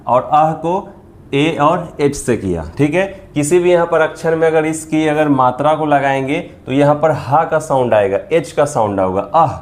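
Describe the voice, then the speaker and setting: A man's voice: on the high side, darkish tone. A man teaching a beginner lesson on the Hindi vowel signs, patiently repeating each sound and checking that students follow.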